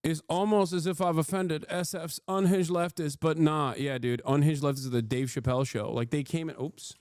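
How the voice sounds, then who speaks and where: Male streamer, mocking and profane, smooth tone, close dry mic. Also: a little high, fairly even intonation, moderate pace, a little mellow, no echo. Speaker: streamer reacting to clips. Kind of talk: casual live-stream commentary.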